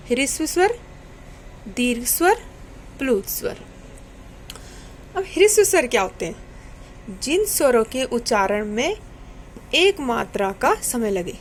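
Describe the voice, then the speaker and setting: A woman teacher gives a children's Hindi grammar lesson in a high, clear voice. She goes slowly and patiently, repeating each point and asking her pupils questions. Faint background noise sits under the recording.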